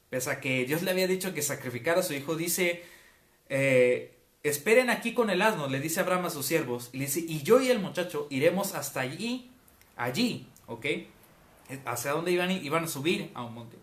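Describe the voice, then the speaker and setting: A man's voice: fairly high pitch, a bit bright. A man giving a casual, conversational Bible teaching as a preacher, often checking in with his listeners. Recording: roomy echo.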